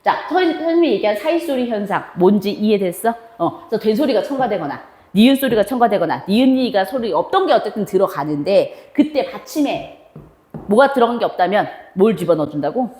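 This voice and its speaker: A woman teacher explaining grammar to her class, her pitch rising and falling a great deal as she quizzes the students and answers her own questions. The sound is roomy, with a clear echo around her voice. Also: big pitch swings, brisk, dark tone. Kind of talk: classroom lecture.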